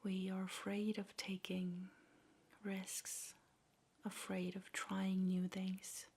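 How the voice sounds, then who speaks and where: A soft, breathy female whisper guides a meditation ASMR-style, unhurried and gentle, punctuated by measured pauses. The pitch is medium and the delivery monotone.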